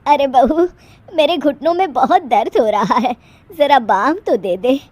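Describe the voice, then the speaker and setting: A woman voicing a bossy, easily offended middle-aged mother-in-law in a cartoon, scolding loudly. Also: high voice, measured pace, no room sound. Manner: scolding, loud. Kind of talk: cartoon voice acting.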